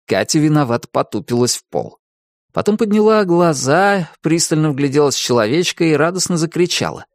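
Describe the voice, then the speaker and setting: A man narrating a children's audiobook with lively storytelling. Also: on the high side, brisk, no echo, studio quality.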